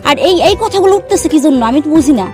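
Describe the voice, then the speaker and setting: A young woman plays an impatient girlfriend who keeps scolding. Her voice sits very high and the lines come quick. Soft music runs underneath. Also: expressive. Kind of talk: village drama acting.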